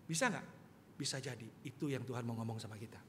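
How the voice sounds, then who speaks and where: A man's voice: medium pitch, fast, a little hiss or hum. A male pastor preaching a sermon in a conversational style, firing rhetorical questions at the congregation. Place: church sanctuary. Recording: reverberant church hall, faint ambience.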